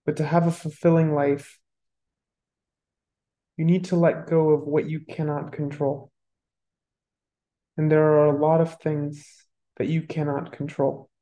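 A meditation guide leading a guided meditation, giving calm, unhurried instructions with long pauses. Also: medium pitch.

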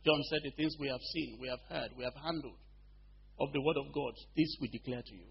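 A man preaching a sermon, often asking the congregation if they hear him, swinging between loud emphatic bursts and quiet storytelling. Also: medium pitch, a little fast, creaky. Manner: call-and-response questions to the congregation. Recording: dull lo-fi recording with faint hum.

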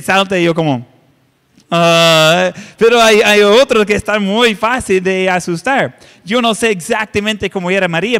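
A male pastor giving a sermon and reading scripture, halting and conversational with many filler sounds. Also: on the high side, a bit bright. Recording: long reverb of a hall.

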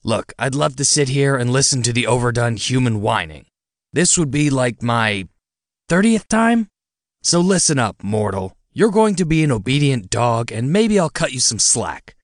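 A man voicing a tiny, smug, bat-winged male demon who mocks and threatens in a quick, lowered voice. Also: big pitch swings, dry recording, studio quality, lightly acted. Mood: mocking. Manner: mocking, quick, menacing.

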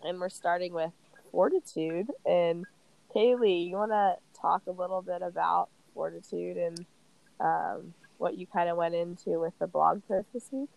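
A woman's voice: on the low side, moderate pace, gravelly, no echo, muffled recording. A woman hosting a podcast while stuffed up from the flu, chatting casually and wryly. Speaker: podcast host.

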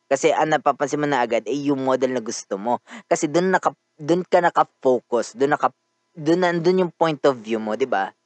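A man with a Filipino accent giving a casual motivational talk, animated and often asking the listener to agree. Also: medium pitch, fairly quick, dry recording.

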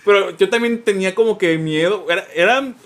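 Podcast guest, Mexican man, a bit higher voice, lively storyteller who plays every part. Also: brisk. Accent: Mexican Spanish. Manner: animated storyteller acting out dialogue. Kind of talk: casual podcast chat.

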